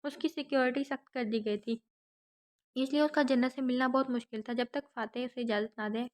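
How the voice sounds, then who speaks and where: Brief: woman narrator, somewhat high voice, dramatic audiobook reading. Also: steady tone. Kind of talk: scripted novel narration.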